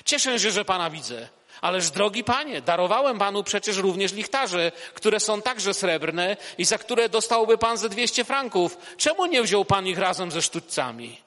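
A male preacher voicing a kindly old bishop, speaking low, slow and hushed, in an echoey hall. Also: sing-song. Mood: warm.

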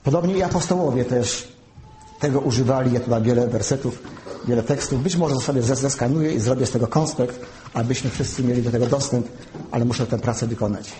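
A man giving a sermon, teaching slowly and carefully and spelling out terms one by one. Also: mid-range voice, dark tone, slight background noise. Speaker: preacher. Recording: echoey room.

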